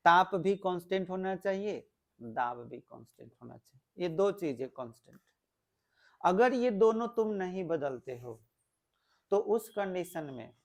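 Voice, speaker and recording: A man's voice: high voice, darkish tone. A male physics teacher, giving a classroom lecture, explaining step by step and asking the class questions.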